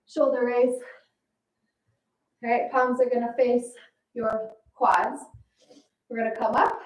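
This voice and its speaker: A woman leading a workout as an aerobics instructor, encouraging, cueing moves and counting in short commands. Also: a little high. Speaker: fitness instructor. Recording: echoey room, distant mic.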